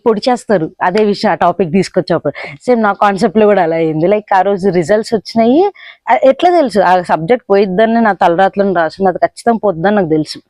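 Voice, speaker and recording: A young woman tells a story from her student life in a relaxed, chatty vlog. Her voice is dark and mellow. She is recorded close and dry, slipping English words and a friendly "bro" into her talk. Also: medium pitch, no room sound. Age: young adult. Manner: chatty, mixing English into Telugu, fond of "like" and "bro". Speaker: vlogger. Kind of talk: casual storytelling.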